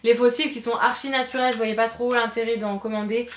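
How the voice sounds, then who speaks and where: A woman's voice: on the high side, level tone, fast, roomy sound, a little hiss or hum. A woman beauty vlogger chatting casually through a shopping haul, gushing and repeating words for emphasis, with frequent hesitations. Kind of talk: casual haul video chat.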